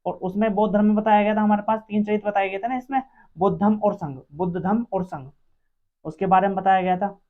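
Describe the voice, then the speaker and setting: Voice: mid-range voice, steady tone, fast talker. A teacher running an exam-prep quiz lesson, asking each question aloud and answering it, repeating every answer several times. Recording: dull lo-fi recording.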